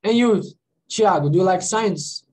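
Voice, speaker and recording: A woman teaching English in an online class from a Brazilian Portuguese accent, explaining pronunciation slowly and checking in with her students. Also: mid-range voice, expressive, a little mellow, poor audio. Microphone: video call.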